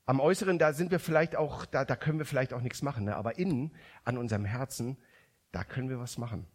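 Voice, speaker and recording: A man's voice: mid-range voice, quick pace, husky. A man preaching a sermon, retelling a story conversationally with frequent restarts.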